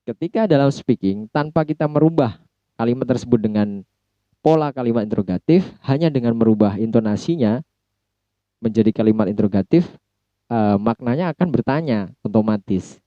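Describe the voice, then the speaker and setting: A man with an Indonesian accent giving a recorded phonology lecture, pausing to say example sentences slowly and clearly. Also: mid-range voice, lively intonation, no room sound, lo-fi sound. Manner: mixes explanation with slow drawn-out example sentences.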